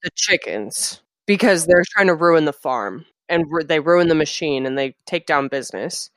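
A woman's voice: sits low, lively intonation, moderate pace, no room sound. A young woman co-hosting a podcast, chatting and analysing films in a casual way, swearing now and then. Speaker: podcast co-host. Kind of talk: casual film discussion.

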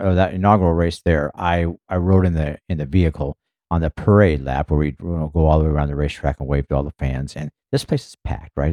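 A low, dark-toned man talks casually on a podcast. He rambles and leans on "you know" constantly. His voice sounds dry and close, with no room echo. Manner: rambling, filler-heavy, many "you know"s. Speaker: podcast co-host, former racing team member.

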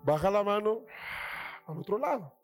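A man preaching a sermon with a Chilean accent, acting out tempting voices and dropping to hushed whispers. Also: high voice, animated, unhurried, soft background music. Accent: Chilean Spanish.

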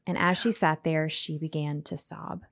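Low, gravelly woman reading scripture. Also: steady tone, normal speed, no room sound. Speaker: reader in a Bible discussion.

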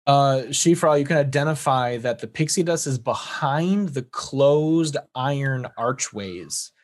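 Relaxed man running a tabletop game, mid pitch, casual narration. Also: unhurried. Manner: laid-back, filler-heavy. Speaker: game master.

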